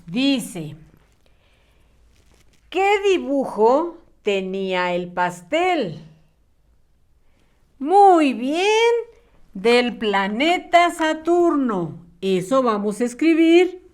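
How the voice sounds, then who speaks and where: Woman teaching little kids online, slow and patient, lively higher voice. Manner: slow, patient, sing-song questions to children. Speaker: primary school teacher. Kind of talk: online class for young children.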